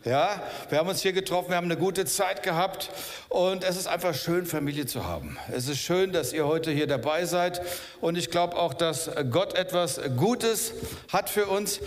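A man's voice: high-pitched, moderate pace. Male pastor preaching in an echoing hall. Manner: conversational preaching, frequent "okay?" and "ja?" asides. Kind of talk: sermon. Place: church service hall. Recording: long reverb of a church hall.

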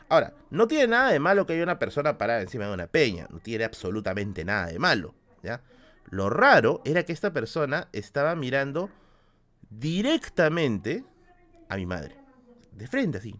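A young man with a Peruvian accent spins a spooky tale for his stream audience. His pitch jumps up and down a lot as he narrates in a relaxed, chatty way. He keeps checking in with quick tag questions. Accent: Peruvian Spanish. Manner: animated, tags lines with "¿no?". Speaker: streamer host. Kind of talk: casual spooky storytelling.

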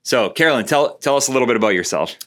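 A man's voice: mid-range voice, animated, racing, fairly bright tone. A man with a Canadian accent hosting a podcast and asking casual interview questions with fillers and restarts. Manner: friendly, loosely phrased questions with fillers. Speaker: podcast host.

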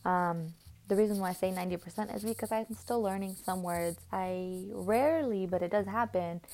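Woman rambling on her own podcast, casual and chatty, mid-pitch voice. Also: normal speed, darkish tone. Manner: chatty and rambling, many ums and restarts. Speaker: podcast host.

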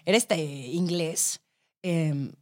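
A young Mexican woman, a podcast guest, telling lively, slangy stories in casual chat. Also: sits low, extremely slow. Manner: lively storytelling, laughs often, slangy.

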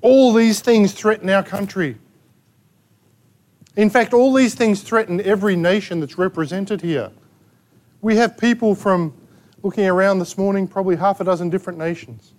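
An Australian man preaching a sermon to his congregation, emphatic and full of rhetorical questions and sharp asides. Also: high voice, normal speed. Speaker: pastor. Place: church gathering in a rented hall.

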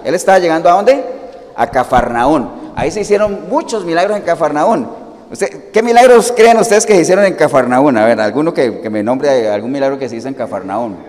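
A man's voice: fairly high pitch, expressive, brisk, darkish tone. A man preaching a sermon as pastor, quizzing his listeners with questions as he goes. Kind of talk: interactive sermon. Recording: long hall reverb.

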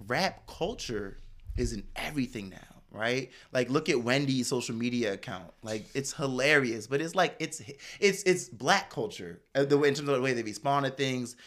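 A man with a bright, clear-toned voice hosts a casual conversation about music and culture. He talks in a loose, animated way, full of "like" and "you know". His pitch sits in an ordinary middle range. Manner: animated storyteller, many fillers. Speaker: host. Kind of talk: casual panel chat.

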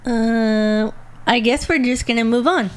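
A woman's voice: fairly high pitch, a little slow. A woman co-hosting a podcast in casual chat, laid-back with dry, brief replies. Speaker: podcast co-host.

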